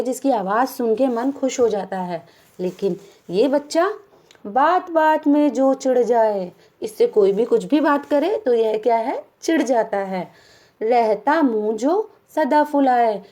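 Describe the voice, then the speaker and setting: A woman's voice: a little high, dark tone. A woman teaching a poem to young children in a patient way, asking questions and answering them herself, with English phrases mixed into her Hindi.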